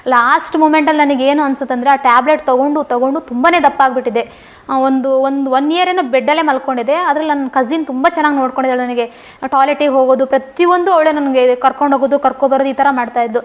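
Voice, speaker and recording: A young woman recounts her life story in an interview. Her voice sits high and her words come quickly. She talks earnestly and circles back over phrases for emphasis. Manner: fast, earnest storytelling with repetitions. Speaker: guest giving a testimony. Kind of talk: personal testimony interview.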